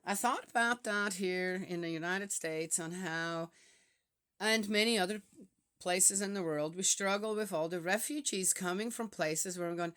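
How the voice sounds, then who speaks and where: Hesitant Swiss German woman, low voice. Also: moderate pace, a bit bright. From Switzerland. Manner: hesitant, many fillers and restarts. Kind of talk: reflective casual talk.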